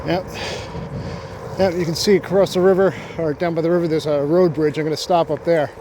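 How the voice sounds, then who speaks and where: A man talking casually while riding his bicycle outdoors on a road, relaxed and chatty with lots of fillers, a little out of breath. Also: fairly high pitch, brisk. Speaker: cycling vlogger. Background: passing traffic.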